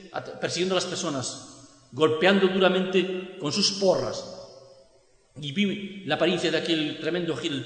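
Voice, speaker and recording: Bright-voiced Spanish man narrating a story. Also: on the high side. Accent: Spanish from Spain. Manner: slow, emphatic retelling with restarts. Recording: echoey room with long reverb.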